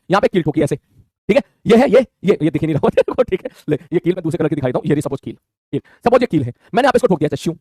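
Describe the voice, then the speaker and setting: Male physics teacher, very fast talker, casual and chatty, fairly high voice, dry close sound. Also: darkish tone, dry recording. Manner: rapid colloquial Hindi, calls students "mere bhai", frequent "theek hai". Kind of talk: online physics lesson.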